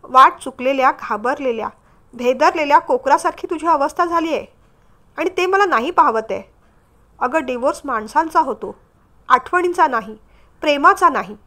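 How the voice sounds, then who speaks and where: A caring but stern young divorced man in a storybook reading, as a woman narrator voices him. He speaks firmly, with concern under the scolding. The voice sits high. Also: animated, moderate pace, sharp tone. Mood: pleading.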